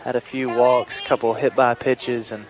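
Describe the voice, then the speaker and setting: Even-toned man doing baseball color commentary. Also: mid-range voice, measured pace. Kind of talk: live sports commentary, analysing plays. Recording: outdoor ballpark, crowd and music behind. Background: ballpark crowd and music.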